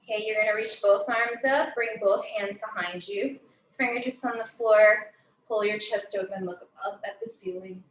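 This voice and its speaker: A woman's voice: medium pitch, steady tone, normal speed. Breathless woman cueing a workout. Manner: counts down and calls out moves. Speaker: fitness instructor. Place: gym studio. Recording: echoey room from far off.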